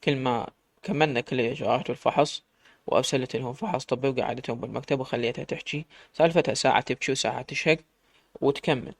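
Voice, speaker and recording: A man's voice: medium pitch, no echo. A man with an Iraqi Arabic accent narrating a dramatic story in the first person, emotional in his telling. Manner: emotional, fast-paced telling.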